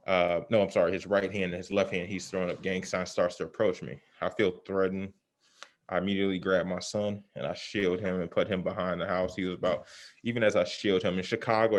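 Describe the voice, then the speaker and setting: A man talking through a mask that muffles him, giving a halting, conversational personal account in an interview. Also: deep voice, pushed and bright. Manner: halting, pausing often with "you know". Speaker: interview guest, self-defense shooting survivor.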